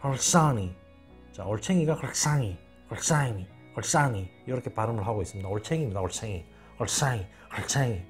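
A man's voice: lowish voice, expressive, fast talker, faint music behind. A man giving an informal spoken lecture, emphatic and repeating words over and over. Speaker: channel host.

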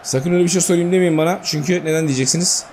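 A man giving excitable live commentary on his football video game, shouting at players and swearing when plays go wrong. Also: fairly high pitch, racing, a little hiss or hum. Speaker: gaming YouTuber.

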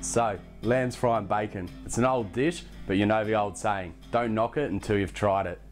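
A man's voice: fairly low pitch, normal speed. Man, young adult, cooking host, casual and chatty, lapel mic, home kitchen, music behind. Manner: relaxed, chatty, self-deprecating asides. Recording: background music under the voice. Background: music and pan sizzling.

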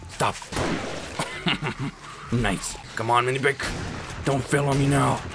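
A man giving excitable let's play commentary, swearing often and talking to himself and the game as he plays. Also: mid-range voice, slow pace, vocal fry, noisy background. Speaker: gaming channel host. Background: game music.

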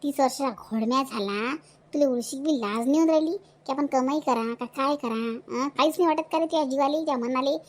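A woman's voice: sits high, fast, close to an everyday voice. A woman with a Vidarbha Marathi accent voicing a fierce, scolding widowed village mother in a cartoon. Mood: furious scolding. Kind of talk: cartoon voice acting.

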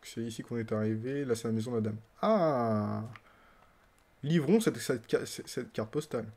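Male streamer, mid-pitched, playful running commentary, chats with game characters. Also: moderate pace, a little mellow. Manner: playful, laughs often, talks to game characters. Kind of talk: casual let's-play commentary.

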